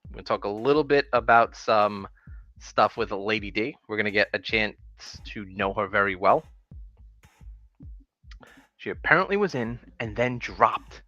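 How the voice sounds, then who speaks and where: A man's voice: fairly low pitch, bright, forceful tone, muffled recording. Upbeat joking New York man hosting. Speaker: host. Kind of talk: casual livestream interview.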